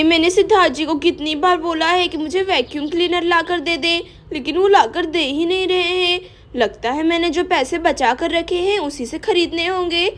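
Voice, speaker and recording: Figure: chatty, bossy young housewife played by a woman. Pitch: very high. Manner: talks to herself, scolds. Style: doll-play storytelling.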